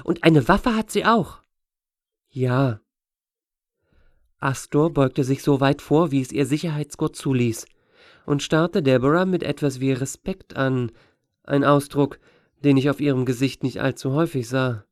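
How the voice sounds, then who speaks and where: Steady male audiobook narrator. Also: mid-range voice, moderate pace, dry recording, studio quality. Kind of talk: scripted narration.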